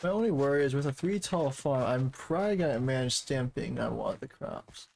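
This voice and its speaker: A man streaming a game from his desk mic, casual commentary that rambles and corrects itself, and he talks fast. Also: medium pitch, animated, vocal fry, a little mellow. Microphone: desk microphone.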